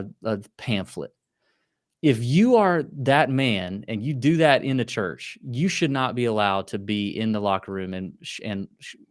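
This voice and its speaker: A podcast host in his late thirties with an ordinary mid-range male voice. He rambles through animated rants full of false starts and asides. The sound is close and dry. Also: mid-range voice, dry recording. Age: 30s. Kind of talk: casual chat.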